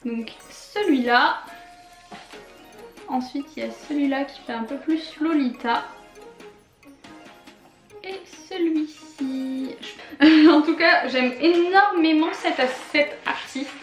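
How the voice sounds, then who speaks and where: A woman's voice: sits high, slow, pauses often, echoey room, soft background music. A young woman chatting enthusiastically as she shows off her purchases in a casual vlog, with many fillers and laughs. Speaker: vlogger.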